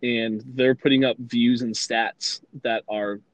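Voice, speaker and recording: A man's voice: mid-range voice, flat delivery, slow. A man guest in a casual interview, easygoing and rambling with lots of fillers. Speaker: guest, brand consultant and content creator.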